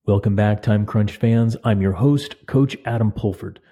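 A man hosting a podcast and answering listener training questions as a coach, his voice crackly from a cold, advising in a measured way with some fillers. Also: on the low side, loud music behind the voice. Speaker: podcast host and cycling coach.

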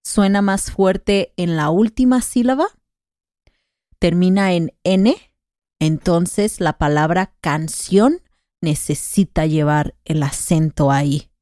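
Sex: woman. Pitch: low. Pace: very slow. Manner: patient explainer. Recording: dry. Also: dark tone, dry recording. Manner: patient, slows down to spell out rules and examples. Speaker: co-host explaining Spanish grammar. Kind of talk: conversational language lesson podcast.

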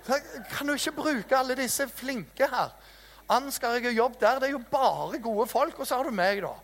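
A man preaching a sermon in a church hall, telling stories in a lively, self-mocking way. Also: very high voice. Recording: reverberant hall.

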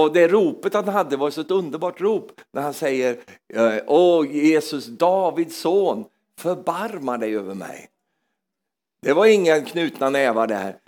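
With a medium-pitched voice, a man gives a charismatic church sermon that shifts between loud cries and hushed remarks, with many repeated words along the way.

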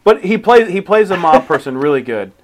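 A man's voice: sits high, very animated. A man co-hosting a podcast, chatting casually and often restarting his sentences. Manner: halting, restarts often, rates things plainly. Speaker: podcast co-host. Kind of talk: casual chat.

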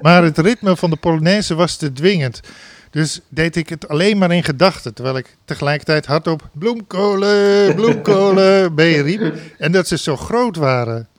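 A man reading a comic story aloud on a talk show, switching to loud sung party chants and laughing along. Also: a little high, normal speed. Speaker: reader of a book passage on a talk show.

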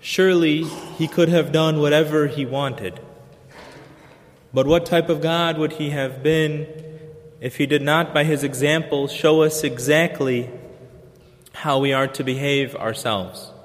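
A man preacher delivering a sermon in an earnest, measured way with pauses. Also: on the high side, steady tone. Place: church. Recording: long church reverb.

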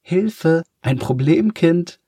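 A man voicing a bold, cheeky schoolgirl who talks bluntly and eagerly in a high, childlike voice. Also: very animated, measured pace, darkish tone, husky, dry recording, clean studio sound. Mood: giggly mocking.

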